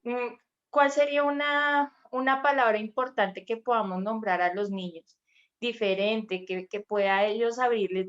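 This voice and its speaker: A woman's voice: a little high, muffled recording. A woman, a schoolteacher, hesitantly asking a question in an online workshop, with many fillers. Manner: hesitant, full of fillers like "digamos". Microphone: video call.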